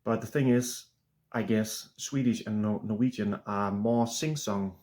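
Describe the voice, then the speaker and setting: Danish-accented male author, flat throaty voice on the low side, halting unscripted chat. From Denmark. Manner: halting, many restarts and fillers. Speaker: author and channel host. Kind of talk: casual unscripted monologue.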